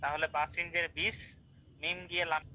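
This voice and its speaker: A man's voice: fairly high pitch, level tone, a little fast, pushed and bright, a little hiss or hum, low-quality recording. A man teaching an online class, explaining step by step, repeating drills and asking checking questions. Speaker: Quran recitation teacher.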